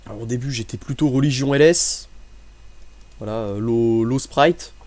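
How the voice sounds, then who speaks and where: A man's voice: medium pitch, normal speed, a little mellow. A young man from France giving casual, joking gameplay commentary, rambling and mocking himself as he plays. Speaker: gaming commentator.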